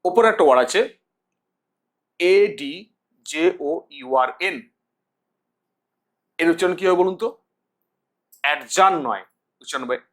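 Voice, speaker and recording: Bright-voiced man teaching pronunciation. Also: on the high side, rough recording. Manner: slow deliberate repetition of words. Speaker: English teacher. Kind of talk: pronunciation lesson.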